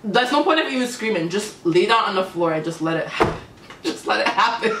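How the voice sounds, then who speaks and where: A woman's voice: mid-range voice, background noise. A Canadian woman hosting a reaction video, chatting casually to viewers while exclaiming and laughing, easily startled. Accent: Canadian English. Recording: roomy echo from a distance.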